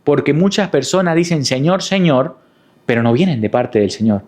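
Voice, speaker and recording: A man's voice: medium pitch, animated, brisk, darkish tone. Man preaching with rhetorical questions. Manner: didactic, with rhetorical questions and repetition. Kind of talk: sermon.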